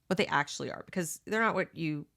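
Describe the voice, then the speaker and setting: A middle-aged homeschooling mom reads a book aloud, then breaks off into earnest, opinionated, emphatic asides, often checking in with "okay?" and "you know." Her low-pitched voice is fast, pushed and bright, with vocal fry.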